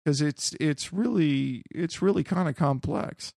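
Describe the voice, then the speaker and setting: A man's voice: a little high, measured pace, gravelly, darkish tone, dry recording, studio quality. A man co-hosting a podcast in casual chat, rambling with restarts and swearing. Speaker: podcast co-host.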